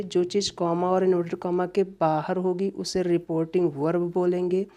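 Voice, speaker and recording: A male teacher giving an online grammar class lecture, often repeating reminders as his voice drops softly at the end of phrases. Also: sits high.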